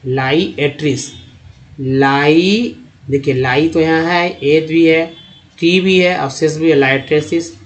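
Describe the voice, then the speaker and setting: A man teaching English pronunciation, sounding out words slowly and explaining each vowel sound. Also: on the high side. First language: Hindi. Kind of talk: spoken pronunciation lesson.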